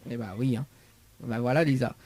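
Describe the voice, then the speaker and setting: A man's voice: medium pitch, fairly even intonation, normal speed, darkish tone, dry recording. A man with a Réunion accent hosting a live call-in radio game, joking and teasing the caller and laughing often. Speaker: radio host.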